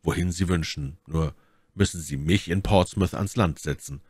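Man reading a quiet grim young officer, very deep and hushed, dry close mic. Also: normal speed, slightly rough, dry recording. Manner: low, hushed, somber. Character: grim young male officer, devoted and resolute.

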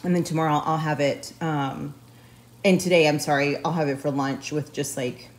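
Her deep voice keeps a fairly even intonation at normal speed as she vlogs from an echoey, emptied home office. The woman rambles casually to camera with many fillers, clearly congested from a head cold.

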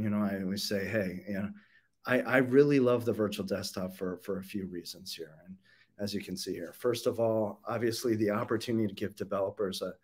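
A man's voice: lowish voice, a little mellow, slightly rough. A young man, a company CEO, giving a casual conference keynote over a webcam call, full of fillers and restarts. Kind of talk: conference presentation. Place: home or office room. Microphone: webcam video call.

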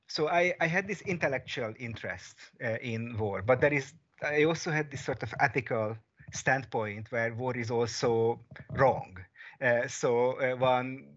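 A man in his forties from Hungary, speaking as a guest over a headset video call and pausing often with fillers. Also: medium pitch, fairly bright tone. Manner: thoughtful, many fillers and restarts. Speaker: guest, peace researcher and consultant. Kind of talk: casual video call interview. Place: small room at home, indoors. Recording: slightly dull video call audio.

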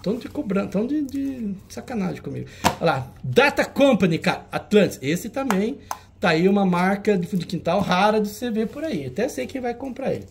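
A man's voice: sits high, sing-song, fairly quick, gravelly, background noise. A man hosting a retro game auction, showing old cartridges in casual, teasing banter. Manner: chatty, teasing, jokey banter with a helper.

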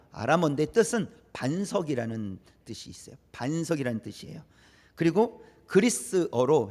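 A man's voice: fairly high pitch, a little mellow. A man preaching a sermon as pastor, repeating his points, asking the congregation questions and acting out quoted dialogue. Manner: acts out quoted dialogue in shifting voices. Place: church sanctuary. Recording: long reverb of a church hall.

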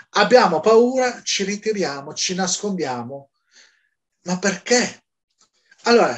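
A man preaching a Bible study, asking questions and answering them himself. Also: fairly high pitch. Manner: animated, asks and answers his own questions.

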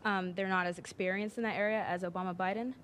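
A woman's voice: medium pitch, fairly even intonation, quick pace, fairly bright tone, slight background noise. A woman student asking the panel a careful, polite question.

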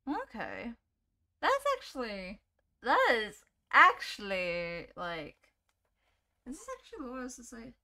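A woman's voice: a little high, huge pitch swings, slow pace, bright, forceful tone. A woman giving casual let's-play commentary, jumpy and chatty, laughing often and talking to the game as she plays. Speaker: gaming YouTuber.

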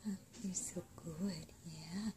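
Woman, low-ish voice, gentle cooing whisper to a pet, unhurried. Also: steady tone, background noise. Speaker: pet owner. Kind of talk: whispered baby talk to a pet.

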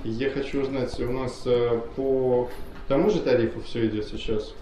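A man's voice: mid-range voice, steady tone, moderate pace, dark tone. A man questioning and arguing face to face as a complaining resident, persistent and repeating himself in an indoor office. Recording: echoey, noisy, distant recorder.

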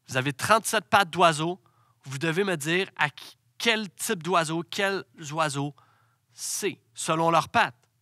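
A man voicing a calm, stern older male professor who speaks in a measured, firm way. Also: on the high side, dry recording, clean studio sound.

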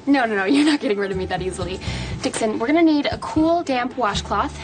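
Film scene: a woman playing a stubborn caring woman with a fairly high voice, music underneath. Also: expressive, fairly quick, natural voice. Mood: insistent.

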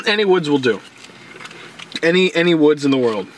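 A young man casually spinning absurd made-up scenarios in a deadpan way, with drawn-out pauses. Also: on the high side, a little hiss or hum.

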